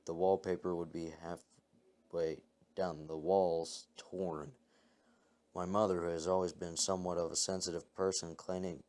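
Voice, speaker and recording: A man reading first-person scary stories aloud as a narrator, in a calm, measured way. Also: low-pitched. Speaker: story narrator. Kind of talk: scripted horror story reading.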